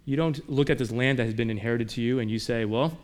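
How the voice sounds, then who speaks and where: A male pastor delivering a sermon at a middle pitch. He talks to the congregation like a conversation, with frequent rhetorical questions. His delivery swings between emphatic pushes and softer, quieter passages. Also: quick pace.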